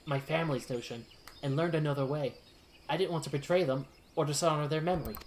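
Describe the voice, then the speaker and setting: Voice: mid-range voice, a little hiss or hum, close to an everyday voice. A streamer doing an earnest archer, lightly British.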